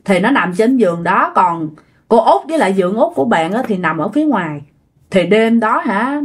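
A woman's voice: medium pitch, slightly rough. A woman with a Southern Vietnamese accent telling a ghost story in a chatty way, talking straight to her listeners. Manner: chatty, addresses listeners directly.

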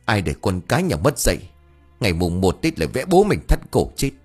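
A man's voice: fairly low pitch, big pitch swings, brisk, breathy edge. A man voicing a shrewish, jealous older first wife who scolds shrilly and wails theatrically. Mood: accusing. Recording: faint background music.

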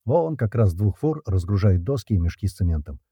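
A man's voice: lowish voice, sing-song, a little fast, warm tone, husky, no room sound, studio quality. A man narrating an audiobook in the first person, casual and slangy.

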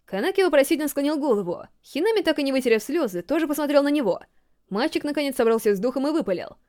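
A woman reading a story aloud in a steady, measured audiobook narration. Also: sits high, dry recording, studio quality. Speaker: audiobook reader.

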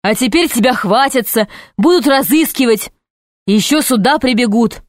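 A woman's voice: on the high side, animated, normal speed, no echo, close to an everyday voice. A woman playing a curt, grumbling grown man. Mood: gruff. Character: gruff, impatient grown man, an irritable loner.

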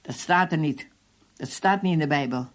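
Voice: medium pitch, moderate pace, close to an everyday voice. A reader voicing a brutal male police captain who interrogates and threatens his prisoners. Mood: bullying. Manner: threatening, shouting.

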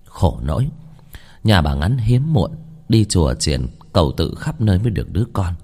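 Deep-voiced man narrating a ghost story. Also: darkish tone.

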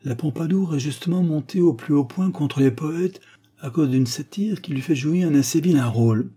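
A man's voice: a little high, moderate pace, mellow, husky, pitched above the performer's own voice. A man reading the part of an aristocratic marquis in an audiobook, mocking and self-assured. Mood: smug.

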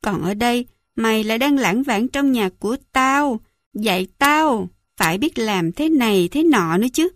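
A woman's voice: fairly high pitch, expressive, normal speed, no room sound, studio quality, natural voice. A woman voicing a cruel, scornful middle-aged mother who smokes and mocks her son. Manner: sneering, mocking, contemptuous.

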